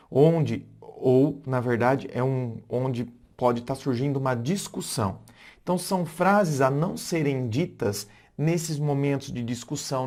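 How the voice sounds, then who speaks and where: A man's voice: mid-range voice, a little mellow. A Brazilian man, a philosopher, talking casually about relationships, reflective and rephrasing himself often with fillers and restarts. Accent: Brazilian Portuguese. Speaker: philosopher giving relationship advice. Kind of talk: casual spoken lesson to camera.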